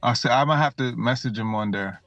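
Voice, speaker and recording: A man's voice: mid-range voice, brisk, a bit bright, no room sound. Swearing man hosting a stream. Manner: loose, swearing, laughs often. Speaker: stream host. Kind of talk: casual livestream banter. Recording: dull lo-fi mic, music behind.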